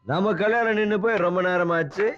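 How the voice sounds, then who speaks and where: A man's voice: sits high, fairly quick, a bit bright, smooth, faint music behind. An actor playing a drunk young man who mocks his elders, then pleads with his father. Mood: bitter. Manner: slurring, mocking then pleading. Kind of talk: film drama acting. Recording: dull film soundtrack.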